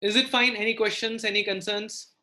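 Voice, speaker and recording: A woman's voice: medium pitch, fairly even intonation, fairly quick, bright, forceful tone. Female maths teacher, South Indian accent, live online class, explanatory, repeats key phrases, prompts students.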